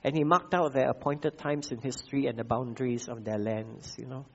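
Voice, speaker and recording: A male pastor with a Malaysian English accent delivers a sermon at a measured pace, leaning on repeated key phrases and filling pauses with "uh." His voice sits at a middle pitch, and the recording sounds slightly dull and muffled. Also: fairly even intonation, creaky, fairly bright tone, slight background noise.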